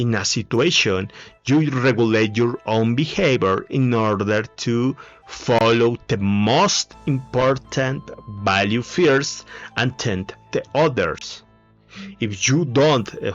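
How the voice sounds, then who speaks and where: A man with a Spanish accent talks slowly in English, his second language, stopping often to search for words. His delivery is halting, with frequent fillers and restarts. The recording is dull and lo-fi, with faint music underneath. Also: medium pitch, fairly bright tone. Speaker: video essayist. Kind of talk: casual monologue.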